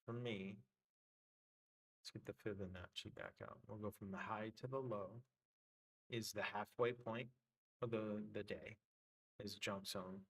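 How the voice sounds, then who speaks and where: A man's voice: lowish voice, a bit bright, low-quality recording. Man thinking aloud, voice getting worn. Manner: loose, thinking aloud with many fillers. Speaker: trading livestream host. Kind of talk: casual live trading commentary.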